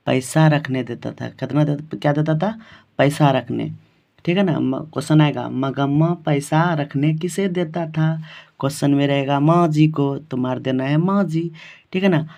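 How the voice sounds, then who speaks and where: A man's voice: fairly high pitch, vocal fry, a little mellow. A male teacher with a Bihari Hindi accent giving an exam-focused lesson, repeating questions and answers for the class. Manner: repetitive, quizzing the class. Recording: dull lo-fi recording.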